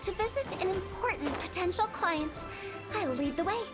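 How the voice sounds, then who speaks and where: A woman's voice: very high voice, expressive, moderate pace. A woman voicing a mischievous, eccentric teenage funeral director in a video game, with a playful, theatrical manner. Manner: playful, theatrical, breezy about death. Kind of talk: English game voice acting. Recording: game music playing behind.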